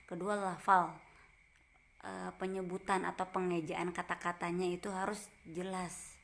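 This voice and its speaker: Flat, low-pitched woman teacher. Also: unhurried, gravelly. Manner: gentle, explains in short phrases with frequent tag questions. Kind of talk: online class lesson.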